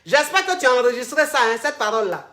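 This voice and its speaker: A high-pitched woman talks a caller through her troubles, teasing and dramatic, looping the same phrases again and again. Her voice rings in a noticeably echoey room. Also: big pitch swings, fast, pushed and bright, slight background noise. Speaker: host coaching callers. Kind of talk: casual advice call. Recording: roomy echo.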